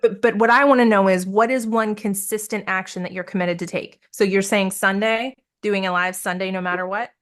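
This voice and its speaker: A woman coaching participants live over a video call. She sounds upbeat and encouraging and laughs easily. Her voice sits in an ordinary middle pitch. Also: steady tone, brisk, few pauses. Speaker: business coach.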